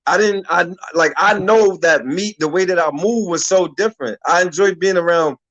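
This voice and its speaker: A man's voice: sits high, moderate pace, fairly bright tone, dull audio. A man in his thirties from Harlem, hosting a radio talk show in a loose, slangy way and often restarting his sentences. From Harlem, New York. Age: 30s.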